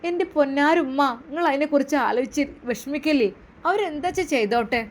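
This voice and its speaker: A woman's voice: high-pitched, fast, slight background noise, voice pushed up, close to an everyday voice. A woman doing a soothing grown daughter. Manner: soothing, reasoning.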